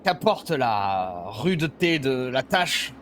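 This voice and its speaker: A man's voice: mid-range voice, big pitch swings, takes it slowly, fairly bright tone. A man playing an aging, pompous, stubbornly optimistic knight in a tabletop game, speaking grandly and hesitantly. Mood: pompous, weary. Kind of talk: tabletop role-play acting.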